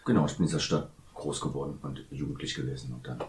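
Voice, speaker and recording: A man in his thirties from Hoyerswerda rambles in a relaxed way in a casual roundtable. His voice is extremely deep and sounds roomy, with faint noise behind it. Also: fast. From Hoyerswerda, Germany. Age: 30s. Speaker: discussion guest.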